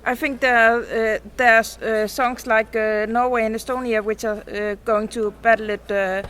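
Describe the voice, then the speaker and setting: A woman's voice: a little high, flat delivery, measured pace, a bit bright. A woman giving earnest opinions on a panel discussion.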